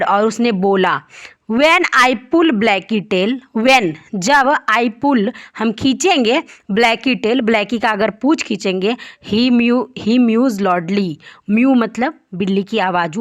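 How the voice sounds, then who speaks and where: Slow-reading woman explaining a story. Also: a little high. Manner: reads English lines slowly, then explains in quick Hindi. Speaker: English teacher.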